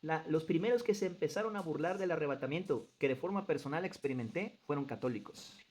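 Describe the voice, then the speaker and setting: Man, fairly high voice, Bible study leader, earnest teacher, questions the group. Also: quick pace, a little mellow. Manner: earnest teacher who quizzes the group and stresses points.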